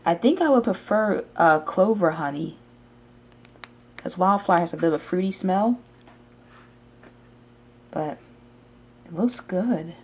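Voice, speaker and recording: Her voice is lowish, husky, and darkish in tone, with lively intonation, a measured pace, and long pauses. This young woman vlogger is making a casual, chatty food vlog, thinking aloud in slangy, informal speech, filmed with a handheld camera at arm's length in a home kitchen amid background noise.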